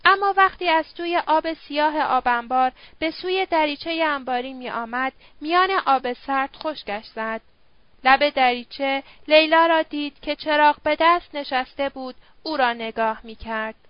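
High-voiced woman reading an audiobook. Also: dry recording, lo-fi sound. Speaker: audiobook reader. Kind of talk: audiobook narration.

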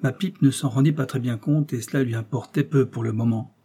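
Dark, husky male audiobook narrator. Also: mid-range voice. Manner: steady, measured reading.

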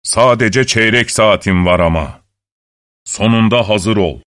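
A man voicing Bluebeard, a cruel nobleman who growls and speaks slowly and threateningly. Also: lowish voice, fairly bright tone, dry recording, studio quality, voice pushed down. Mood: menacing. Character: menacing cruel male nobleman, older.

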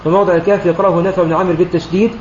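A high-pitched man speaks quickly as a sheikh teaching Quranic recitation, explaining a poem line by line. His voice sounds roomy and dull, like lo-fi online voice chat with faint noise behind it. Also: little pitch movement, a little mellow. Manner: methodical, often pauses to clear his throat and correct himself.

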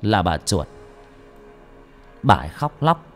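A man narrating a ghost story in an expressive storytelling manner. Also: fairly low pitch, normal speed. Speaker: audiobook narrator. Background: faint background music.

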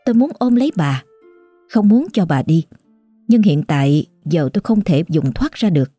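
A woman narrating a horror story in an emotive, dramatic manner, over soft background music. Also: fairly low pitch, lively intonation, moderate pace, husky, no echo.

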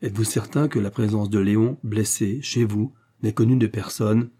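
A composed male inventor, polite and measured, with a low, mellow voice, as a man reads him. He speaks gravely and courteously in this storybook reading. The voice has a soft husk. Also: fairly even intonation, lightly acted.

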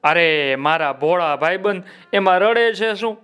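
A man voicing a kind male dog in a children's tale, dropping his voice low and speaking comfortingly. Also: lively intonation, unhurried, a bit bright, smooth, faint music behind. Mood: kindly.

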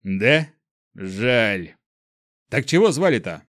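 A man voicing a male guardian who grumbles and mocks in a gruff, offhand way. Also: medium pitch, big pitch swings, slow, fairly bright tone, no room sound, clean studio sound. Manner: grumbling, mocking. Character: gruff teasing male keeper, old ancient being.

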